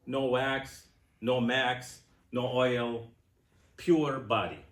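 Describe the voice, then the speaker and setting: A man in his sixties giving a personal testimony speech, animated and asking his audience questions. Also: mid-range voice, drawn-out words, echoey room. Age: 60s. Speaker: speaker.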